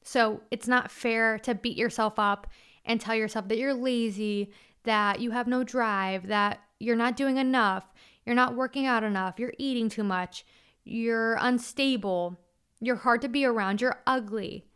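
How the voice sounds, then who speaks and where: A woman's voice: on the high side, steady tone, measured pace, a bit bright, clear, resonant tone. A woman in her twenties hosting a solo podcast, talking frankly and casually with crude slang. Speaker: podcast host.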